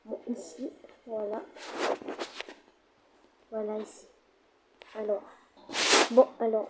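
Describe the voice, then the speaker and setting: A fairly high-voiced woman talks her way through a building game in an unhurried, halting way, pausing often and filling the gaps with small hesitations. Her commentary is casual and slow, with a faint hiss behind it. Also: warm tone, low-quality recording. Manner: hesitant, with many fillers. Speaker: gamer.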